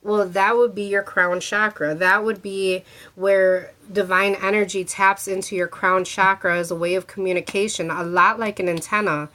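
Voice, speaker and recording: Congested and sore-throated from a cold, a woman casually shows her viewers a handmade crystal ring on camera. She talks at a normal speed in a mid-range, level voice that sounds pushed and bright, with frequent restarts and filler words.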